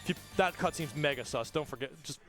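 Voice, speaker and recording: A man giving casual, excited live commentary while speedrunning a game. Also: fairly high pitch. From not Australian. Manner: casual, excited, talks fast between game moments. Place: live event stage. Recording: game music playing behind.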